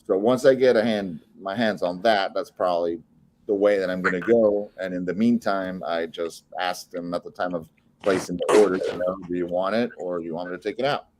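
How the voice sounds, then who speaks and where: A young man from Costa Rica speaks in a fairly low voice. He rambles in an easygoing way, doubling back on his words and laughing now and then while he explains his craft in a casual interview. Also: fairly quick. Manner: relaxed, rambling with restarts and laughs. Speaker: guest, flow artist and saber maker.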